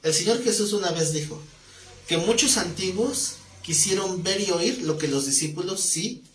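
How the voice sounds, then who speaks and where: A fairly high-voiced man leads a Bible class as its pastor, retelling stories in a lively, chatty way and turning to his listeners with questions. The room is echoey, with a faint hum of noise behind him. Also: normal speed. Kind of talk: live-streamed Bible class, conversational teaching.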